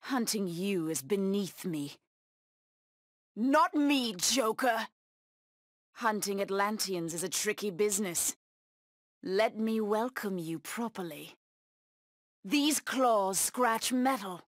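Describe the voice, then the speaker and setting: A woman voicing a savage, proud cheetah-woman huntress in a video game, taunting her prey with deliberate menace. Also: mid-range voice, animated, no room sound, studio quality. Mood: predatory, menacing.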